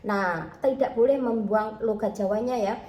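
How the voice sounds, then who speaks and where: Mid-range in pitch and dark in tone, a woman speaks at normal speed in an echoey home kitchen. She's an Indonesian vlogger who sells food, her Javanese accent tinged with Malay; chatty, she keeps calling "teman-teman, ya" to her viewers and talks about herself in the third person.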